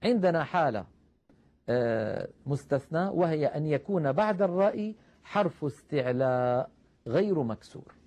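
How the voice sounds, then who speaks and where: A man teaching the rules of Quran recitation, explaining patiently, calling his listeners brothers and slowing down to recite example verses. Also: fairly high pitch, lively intonation, darkish tone. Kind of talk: tajweed lesson.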